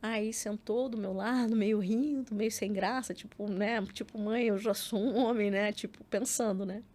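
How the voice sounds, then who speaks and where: A woman's voice: medium pitch, steady tone, moderate pace, a little mellow. A middle-aged Brazilian woman with a Brazilian Portuguese accent, a podcast guest telling a personal story in casual interview chat, acting out quoted lines. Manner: storytelling with acted quotes and frequent filler words.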